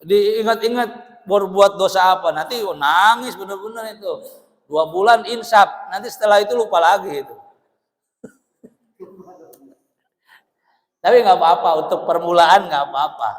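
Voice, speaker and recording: High-voiced man preaching in an echoey hall. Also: normal speed, pauses often. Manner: animated storytelling, acting out dialogue, laughing often. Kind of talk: dawn mosque sermon. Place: mosque.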